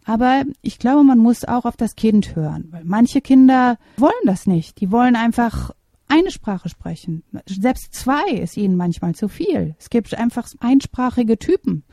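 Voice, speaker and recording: A middle-aged woman, a mother and teacher, appears as an interview guest and answers thoughtfully and measuredly, with small hesitations. Her voice is on the high side and warm, with lively intonation, recorded in clean studio sound with no room noise.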